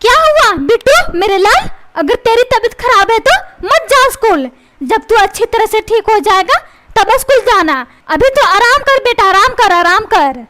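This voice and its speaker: A woman voicing a shrill scolding cartoon mother. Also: very animated, moderate pace, pushed and bright, slight background noise, heavily acted. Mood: doting. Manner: scolding and bossy. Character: fickle scolding mother, doting on her son.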